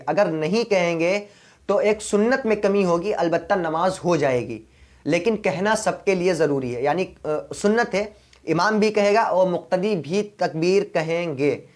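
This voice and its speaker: A man with a fairly high voice for his sex and an Urdu accent teaches the rules of prayer behind an imam. He goes step by step, patient and methodical, and repeats the key points so they stick. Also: a little mellow. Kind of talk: religious instruction.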